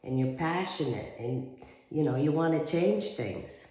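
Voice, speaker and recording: A woman's voice: low-pitched, animated, unhurried, warm tone. A woman giving a chatty, encouraging tarot reading in an empty room that echoes heavily. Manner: chatty, encouraging, repeats herself. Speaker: tarot reader.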